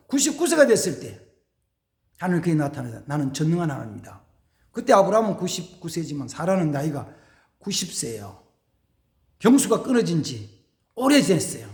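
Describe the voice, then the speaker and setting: A man's voice: high voice, roomy sound. A male pastor delivering a dramatic sermon, acting out the voices of biblical figures as he preaches.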